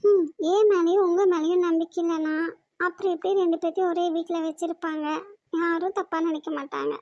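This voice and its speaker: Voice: extremely high pitch, fairly even intonation, fairly quick, warm tone, no echo. A woman voicing a tearful, earnest young wife in a cartoon, with a Kongu Tamil accent and a pleading, questioning way of talking. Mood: tender, longing. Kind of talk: cartoon voice acting. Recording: dull dry lo-fi recording.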